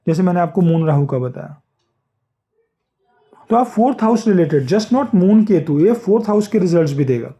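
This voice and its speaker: A man's voice: fairly high pitch, warm tone. A man giving a casual explanatory lesson on astrology, switching between Hindi and English and often checking in with listeners. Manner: conversational, repeats "ठीक है", many fillers and self-corrections. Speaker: astrology teacher.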